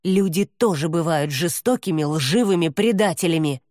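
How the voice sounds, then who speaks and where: A woman voicing a stubborn young priestess who talks in a sharp, defiant way in an audiobook. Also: lowish voice, moderate pace, dry recording, clean studio sound, close to an everyday voice.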